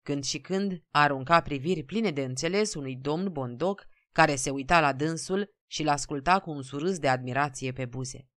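A woman narrating a classic story as an audiobook, steady and expressive. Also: sits low, few pauses, no echo.

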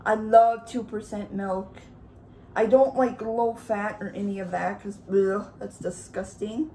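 A young YouTuber with a warm, medium-pitched voice talks unhurriedly and fairly evenly to her viewers while making chocolate milk and cutting pizza for a casual mukbang vlog. She's in a room at home, with a faint TV and slight background noise.

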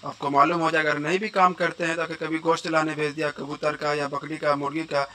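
A man's voice: fairly high pitch, flat delivery, quick pace, pushed and bright. A man teaching a vocabulary lesson, repeating each word and quizzing the listener. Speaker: Arabic teacher.

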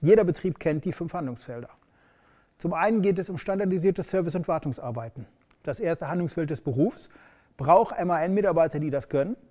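A middle-aged man presenting as an education expert to camera in a studio, measured and explanatory, stressing key words. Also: a little high, dark tone.

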